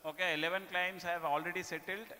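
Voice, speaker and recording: A man with an Indian accent giving a corporate performance presentation to staff, speaking haltingly and often tagging his phrases with "okay". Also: high voice, steady tone, pushed and bright. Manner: halting delivery with repeated "okay" tags. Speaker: business presenter. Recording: echoey hall with long reverb.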